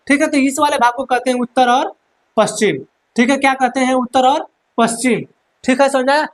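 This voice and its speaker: A man's voice: very high-pitched, a bit bright. A man teaching a lesson, repeating each point and quizzing listeners, with an Eastern Hindi accent. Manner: repetitive, quizzes listeners with "क्या कहेंगे?" and "ठीक है". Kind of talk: classroom lesson.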